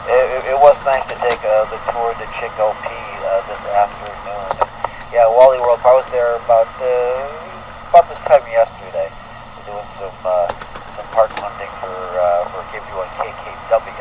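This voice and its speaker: A man's voice: lowish voice, steady tone, moderate pace. A middle-aged or older man, running a radio net roll call in a chatty, folksy, rambling way. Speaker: radio net control operator. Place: indoor radio room with window open. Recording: noisy dull ham radio audio, distant.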